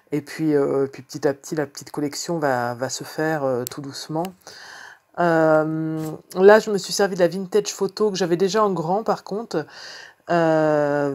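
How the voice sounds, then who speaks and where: A woman with a low-pitched voice talks through her card-making in a relaxed vlog. She rambles in a chatty way, full of fillers and restarts. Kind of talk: casual craft vlog chat.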